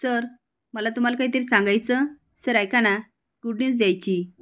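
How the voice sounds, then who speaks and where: A woman voicing a gentle, timid young wife who speaks hesitantly and apologetically. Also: fairly high pitch, normal speed, close to an everyday voice.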